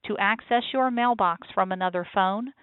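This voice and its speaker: A woman reading scripted step-by-step instructions in a measured manner, as the narrator of a tutorial. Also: mid-range voice, smooth, no echo. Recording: tinny, phone-like narrow band.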